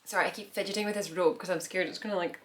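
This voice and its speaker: A woman's voice: fairly low pitch, fairly even intonation, very fast, slight background noise. A woman in her thirties chatting casually about her week while doing her makeup, rambling with restarts and little laughs. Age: 30s. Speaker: beauty vlogger. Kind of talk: casual get-ready-with-me chat.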